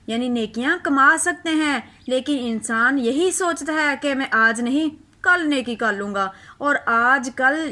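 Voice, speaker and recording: Bright-voiced woman teaching Quran reading. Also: sits high. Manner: slow, drawn-out syllable drilling; earnest moral storytelling. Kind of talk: religious lesson with spelled-out recitation drill.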